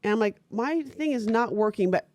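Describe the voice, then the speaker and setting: A woman's voice: fairly high pitch, expressive, a little fast, a little mellow, no room sound. Young woman co-host, blunt, swears a lot, acts out quotes, dry close sound. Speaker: podcast co-host. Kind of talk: casual chat.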